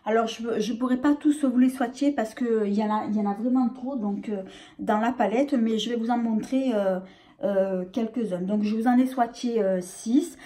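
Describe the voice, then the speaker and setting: A beauty vlogger with a French accent reviews a makeup palette casually and hesitantly, full of fillers and restarts. Her voice is fairly high and warm, at a normal speed.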